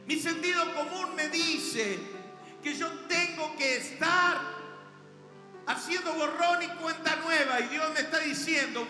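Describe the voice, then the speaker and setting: A man with a Rioplatense Spanish accent preaching a sermon as pastor, leading the congregation in call-and-response and building in intensity. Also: very high voice. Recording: echoey hall with music behind.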